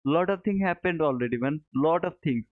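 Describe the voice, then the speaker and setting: A man in his 30s from Bangladesh hosts a live trading stream, answering viewers casually in short, repeated phrases and addressing them in a chummy way. His fairly high voice has lively intonation and moves a little fast. The sound is narrow and phone-like, with roomy echo.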